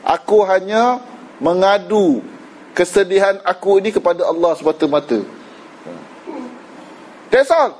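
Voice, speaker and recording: Man, Malaysian accent, high voice, religious teacher, casual lecture, tag questions. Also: lively intonation, measured pace, pauses often, a little mellow, a little hiss or hum, low-quality recording. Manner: conversational, mixes English words, frequent "kan?" tag questions.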